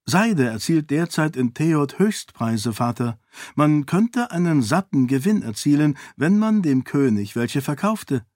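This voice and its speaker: Guy doing a cool confident young princess, raised pitch, frank and sharp, dry sound. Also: big pitch swings, unhurried, dry recording. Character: bold sharp-witted young princess, self-assured.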